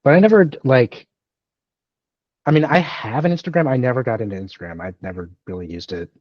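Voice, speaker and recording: A man's voice: mid-range voice, fairly quick, dry recording. Rambling man in his thirties, dry lo-fi mic. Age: 30s. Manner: rambling, self-deprecating, many fillers and restarts. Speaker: podcast co-host. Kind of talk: casual chat.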